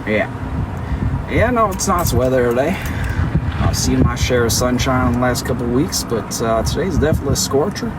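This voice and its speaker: A man's voice: medium pitch, lively intonation, moderate pace. A Canadian man chatting playfully with viewers during a livestream. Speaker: livestream host. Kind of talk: casual chat with viewers. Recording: distant mic with street noise.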